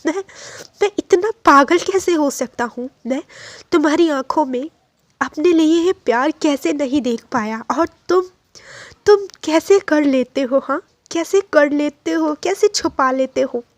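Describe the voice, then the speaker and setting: A woman's voice: sits high, measured pace, long pauses, no room sound. A woman voicing a hurt, angry young man who bitterly accuses the friend who deceived him, mixing in English phrases. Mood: hurt, accusing.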